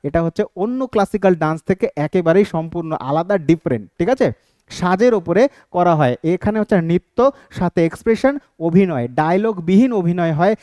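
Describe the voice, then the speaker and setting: A man with a fairly high, clear voice gives an exam-prep lecture, walking through each point and pausing often to check that the students follow. The sound is close and dry, with almost no room echo. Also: a little mellow. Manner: explains step by step, keeps asking "ঠিক আছে?". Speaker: teacher.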